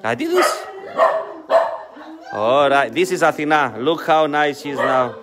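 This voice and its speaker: A man's voice: a little high, very animated, measured pace, crowd noise. Man streaming from a dog shelter. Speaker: animal shelter owner. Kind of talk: casual live-stream chat. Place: outdoor dog shelter yard, dogs barking.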